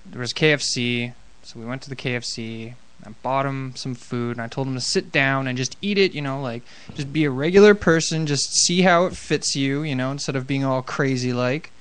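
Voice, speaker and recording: A man's voice: mid-range voice, fairly quick, hardly any pauses, fairly bright tone, clear, resonant tone. A man in a casual podcast chat, telling an anecdote and defending himself. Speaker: podcast guest.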